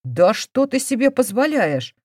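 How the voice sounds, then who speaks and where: A woman's voice: lowish voice, normal speed, no room sound, clean studio sound, natural voice. A woman voicing a domineering older mother who scolds her daughter, raising her voice in indignation. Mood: indignant. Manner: scolding, raised voice.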